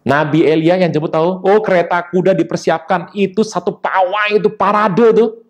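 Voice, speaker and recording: The sermon comes from a pastor whose delivery is lively, full of sudden lifts in pitch for emphasis and rapid little asides.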